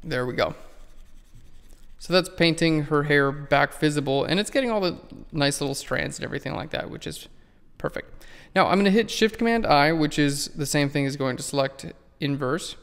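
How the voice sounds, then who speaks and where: A man's voice: on the high side, moderate pace, gravelly, fairly bright tone, clear, resonant tone, in a large hall. A man walking through a photo-editing tutorial in a casual, rambling way that keeps correcting itself. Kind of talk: screen-recorded software tutorial.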